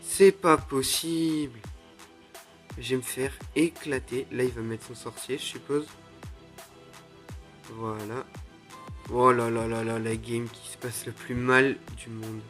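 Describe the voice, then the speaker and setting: A young man commenting live on his own mobile game matches, excitable, groaning and exclaiming at each play. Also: mid-range voice, measured pace. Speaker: gaming YouTuber. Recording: faint music under the voice.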